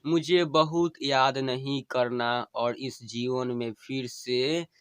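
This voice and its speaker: A man's voice: medium pitch, fairly even intonation, slow, clear, resonant tone, no echo, lightly acted. Man reading as a dying wife, tender pleas. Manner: tender, repeats each plea twice. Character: dying wife pleading with her husband. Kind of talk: emotional story reading.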